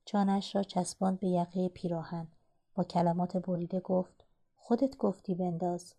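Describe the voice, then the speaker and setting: Woman narrator for a story podcast, calm and even, dark mellow tone. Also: fairly low pitch, gravelly.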